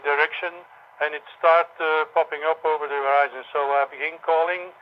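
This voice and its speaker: Man, halting, on dull radio. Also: a little high, clear, resonant tone. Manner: halting, non-native English phrasing. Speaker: amateur radio ground station operator. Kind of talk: radio call and explanation, procedural. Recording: dull radio link, faint noise.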